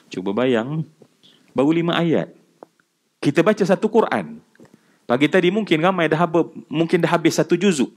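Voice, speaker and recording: A man's voice: a little high, expressive, fairly quick, pauses often. A man with a Malaysian Malay accent giving a religious lecture, telling a story dramatically and acting out quotes. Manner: dramatic storyteller, voices quotes and chants Arabic verses. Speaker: preacher.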